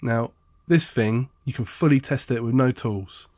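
A man's voice: mid-range voice, a little slow, a little mellow, dry recording, clean studio sound. A man explaining appliance repair in a casual, chatty how-to style, blunt and jokey, with a sarcastic streak.

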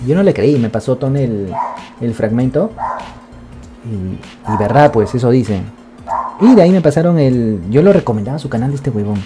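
A male streamer chatting casually on a live stream, excitable, swearing and rambling. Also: medium pitch, moderate pace, over music.

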